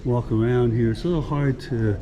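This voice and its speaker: A man's voice: medium pitch, brisk, lo-fi sound, crowd noise. Casual man vlogging with people around. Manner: rambling, offhand. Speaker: travel vlogger. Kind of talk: casual vlog chat.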